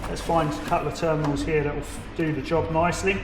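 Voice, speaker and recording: A man's voice: fairly high pitch, level tone, quick pace. A man giving an informal, step-by-step hands-on tutorial as a mechanic in a workshop. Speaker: mechanic presenter. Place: vehicle workshop. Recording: noisy workshop background.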